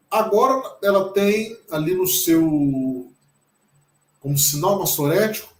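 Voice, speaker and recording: Slow, patient Brazilian man teaching. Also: high-pitched, darkish tone, roomy sound. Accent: Brazilian Portuguese. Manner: patient, repeats each word several times. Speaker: pastor teaching Hebrew. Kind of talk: slow classroom lesson.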